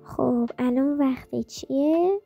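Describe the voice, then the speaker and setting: High-voiced playful woman teacher. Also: vocal fry, warm tone, faint music behind. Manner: playful, slow drilled repetitions. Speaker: Japanese teacher. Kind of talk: playful scripted lesson.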